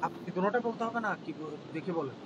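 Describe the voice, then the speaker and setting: A male teacher giving an online grammar class, patiently repeating definitions slowly for students to write down. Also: high-pitched, highs cut off, background noise.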